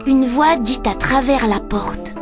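A woman narrates a children's story in first person with an expressive, high voice. She reads slowly and deliberately. Clear music plays behind her. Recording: storybook reading over music.

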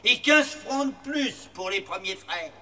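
An actor playing a greedy innkeeper who calls out curt money demands from the back of an inn. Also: male voice, high voice, expressive, unhurried, bright, forceful tone, exaggerated voice. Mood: grasping. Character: greedy male innkeeper shouting from inside. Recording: heard from far off.

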